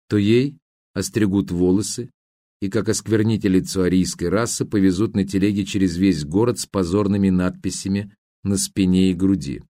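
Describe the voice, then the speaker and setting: A man narrating a novel as an audiobook, in an even, measured storytelling manner. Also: deep voice, no room sound, clean studio sound.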